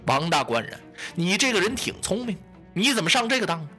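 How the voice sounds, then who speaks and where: A man voicing an unhurried, mocking male fortune-teller of about thirty in a told story. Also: high voice, big pitch swings, bright, forceful tone, faint music behind, heavily acted. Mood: calm. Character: calm, wry male fortune-teller, thirtyish, master fighter.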